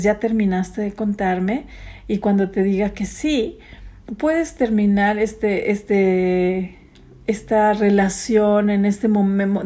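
A woman gives calm, reflective parenting advice and speaks straight to the listener. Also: mid-range voice.

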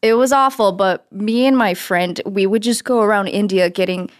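A woman's voice: mid-range voice, normal speed, smooth. Chatty young woman with frequent laughs. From America. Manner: chatty, laughs often, many fillers. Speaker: guest. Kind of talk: casual conversation.

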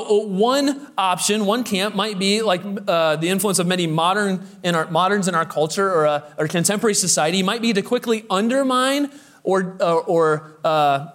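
A man's voice: high voice, normal speed. A man pastor delivering a sermon with emphatic preaching, his voice swelling and dropping for effect, with the occasional hesitant filler.

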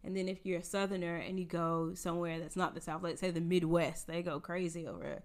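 An American woman with a slightly low-pitched voice talks casually as a podcast co-host. Her speech is chatty and loose, filled with "like" and "um". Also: fairly even intonation, brisk, a little mellow. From United States. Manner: chatty, full of "like" and "um". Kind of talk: casual chat.

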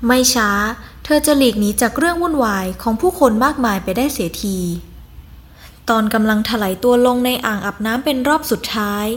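A woman narrating a fantasy novel in a measured, even storytelling voice. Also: a little high. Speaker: audiobook narrator. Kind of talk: scripted narration.

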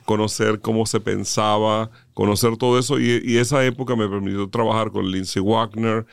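A middle-aged man from Venezuela, animated as he tells his stories and often breaking off to restart a sentence. His voice sits low, with a gravelly edge and a smooth, resonant core, recorded close and dry. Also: normal speed, dry recording. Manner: animated storyteller, frequent restarts. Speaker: guest, executive producer. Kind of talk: conversational interview storytelling.

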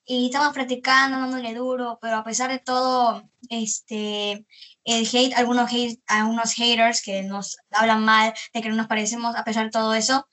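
A woman's voice: fairly high pitch, flat delivery, moderate pace, pushed and bright. A young woman, a singer, chatting hesitantly in an interview. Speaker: guest singer. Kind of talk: casual interview chat.

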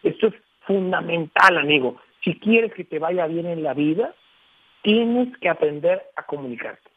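A husky, somewhat high-pitched man speaks emphatically as a radio guest, checking in with the listener through frequent tag questions. He comes through a tinny, dry phone line. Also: lively intonation, unhurried, no room sound. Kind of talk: phone-in radio interview, explaining. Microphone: telephone.

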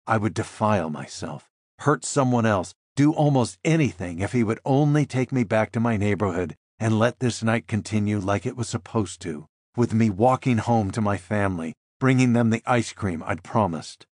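Male audiobook narrator for a dark thriller: low, husky, measured, dry close mic. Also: expressive, no echo. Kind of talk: first-person thriller narration.

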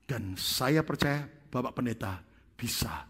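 A man voicing a dying wealthy old man who makes slow, quiet, deliberate requests, heard in a reverberant hall. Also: medium pitch, expressive, slightly rough, exaggerated voice. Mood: solemn. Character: dying rich old man, solemn and secretive. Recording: long reverb of a large hall.

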